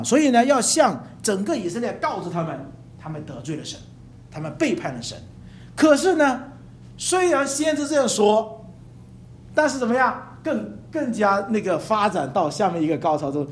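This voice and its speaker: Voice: mid-range voice, slight background noise. A preacher giving an emphatic sermon, often asking the listeners rhetorical questions and dropping English terms into the talk.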